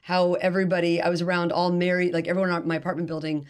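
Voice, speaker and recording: Fast-talking, rambling middle-aged woman. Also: lowish voice, flat delivery, smooth. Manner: rapid, rambling, self-deprecating, laughing often. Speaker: author guest. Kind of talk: casual interview chat.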